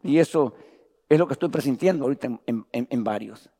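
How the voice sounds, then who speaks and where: A man preaching a Bible study sermon in a church, reading scripture slowly and calling the listeners "brother". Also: mid-range voice, animated, warm tone, big-room sound. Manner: reads scripture slowly, addresses "hermano".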